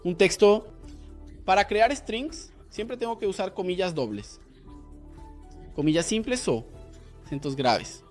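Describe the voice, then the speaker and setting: A man's voice: high-pitched, expressive, a little slow, pauses often, soft background music. A man teaching a coding lesson, explaining each step and asking rhetorical questions to the viewer. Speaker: programming instructor. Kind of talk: screen-recorded coding lesson.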